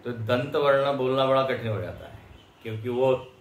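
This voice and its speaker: A man teaching a lecture class, explaining slowly and patiently and sounding out syllables one by one. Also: mid-range voice, a little hiss or hum. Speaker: Vedanta teacher. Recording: echoey lecture hall.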